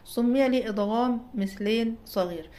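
A woman's voice: on the high side, a little fast, mellow. A woman with an Egyptian Arabic accent gives an explanatory lecture as a recitation teacher. She asks and answers her own questions and checks in with her listeners.

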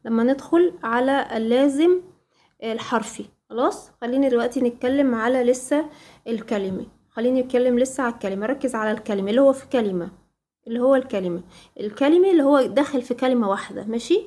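Egyptian woman, tajweed teacher; high voice, patient drilling delivery with prompt questions and repeated terms. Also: fast, dark tone. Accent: Egyptian Arabic. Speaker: Quran recitation teacher. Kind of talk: tajweed lesson.

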